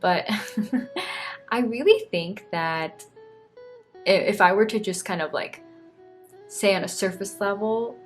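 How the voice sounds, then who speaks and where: A woman in her twenties talking earnestly and reflectively in a personal vlog monologue. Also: lowish voice. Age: 20s. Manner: earnest, soft-spoken, reflective. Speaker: vlogger.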